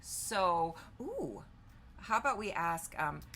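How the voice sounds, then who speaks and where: Chatty woman vlogger in her fifties, bright voice. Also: fairly low pitch, very animated, slow, slight background noise. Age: 50s. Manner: chatty, thinks aloud while typing, reads answers aloud. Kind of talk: casual chat while demonstrating.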